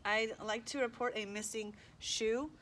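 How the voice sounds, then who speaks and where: A woman's voice: on the high side, steady tone, measured pace, a bit bright, a little hiss or hum. Woman reading as an impatient storybook dad. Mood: exasperated. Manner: firm, losing patience. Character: weary adult male father, patient then strained.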